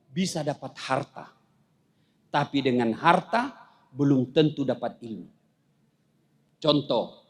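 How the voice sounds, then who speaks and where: Comic preacher man, high voice, tells jokey stories to a crowd. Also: a little mellow. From South Sulawesi, Indonesia. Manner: storytelling with jokes, raises voice for punchlines. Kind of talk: humorous sermon to a crowd.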